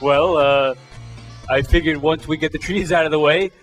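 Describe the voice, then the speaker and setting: Man doing a highish-voiced bumbling lumberjack sidekick. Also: fairly even intonation, moderate pace, faint music behind, close to an everyday voice, poor audio. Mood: naive, cheerful. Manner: hesitant, folksy, naive. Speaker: comic sidekick. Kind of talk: comic sketch acting.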